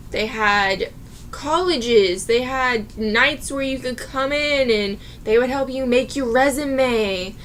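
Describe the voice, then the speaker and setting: A woman's voice: a little high, slight background noise. A young adult woman ranting casually to her viewers, chatty and reassuring, with sudden outbursts. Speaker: vlogger. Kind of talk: casual advice rant to camera.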